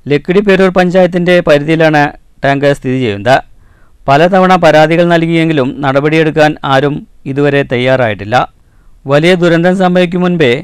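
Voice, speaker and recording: A male news reporter from Kerala reading a scripted voice-over in a measured, formal way. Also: fairly high pitch, clean tone, dry recording, clean studio sound. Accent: Malayalam, Kerala. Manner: measured formal reading, drops at sign-offs.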